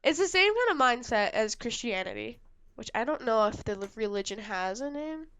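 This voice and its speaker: A woman's voice: a little high, lively intonation, normal speed, a bit bright, smooth. A woman co-hosting a book-review podcast, talking casually in a hesitant, rambling way with many fillers and giggles. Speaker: podcast co-host.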